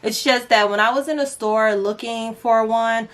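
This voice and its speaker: A woman's voice: on the high side, fairly even intonation, normal speed. A young woman talking through a makeup tutorial in a casual, chatty way, with playful asides to her viewers. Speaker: beauty vlogger.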